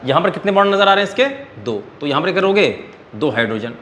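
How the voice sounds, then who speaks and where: Male chemistry tutor, classroom lecture, slightly raised pitch, quizzing students, quiet background noise. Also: very animated, fast. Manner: quizzes students and answers his own questions; calls students "beta". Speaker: chemistry teacher.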